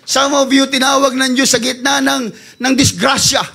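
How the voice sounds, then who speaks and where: A man, a pastor preaching a sermon with passion, swinging between hushed lines and shouting. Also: extremely high pitch, little pitch movement, normal speed, gravelly, slightly rough.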